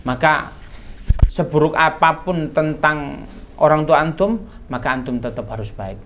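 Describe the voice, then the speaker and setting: A man's voice: on the high side, measured pace, fairly bright tone, slight background noise. Male preacher telling stories. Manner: storytelling, addresses listeners as Pak and antum. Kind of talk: sermon question-and-answer session.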